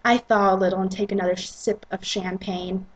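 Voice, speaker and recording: A woman narrating a romance novel as a dramatic reading, with a husky, breathy voice. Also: medium pitch, steady tone, normal speed, poor audio. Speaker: reader and narrator.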